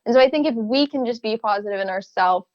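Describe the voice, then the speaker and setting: Young woman guest, thoughtful and halting. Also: on the high side, no room sound, lo-fi sound. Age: young adult. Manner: thoughtful, hesitant with restarts and soft laughs. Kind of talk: casual interview talk.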